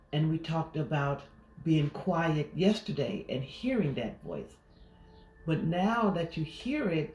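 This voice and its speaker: A woman life coach giving a gentle, reflective affirmation talk, pausing often. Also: sits low, slight background noise. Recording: roomy echo.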